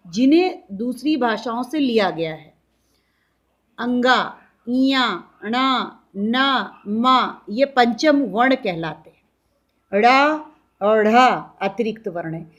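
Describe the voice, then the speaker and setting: Woman teacher, high voice, talks slow, stretches out the sounds, asks then answers herself. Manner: slow, drawn-out demonstration of vowel sounds, asks questions and answers them herself. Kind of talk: classroom Hindi grammar lesson.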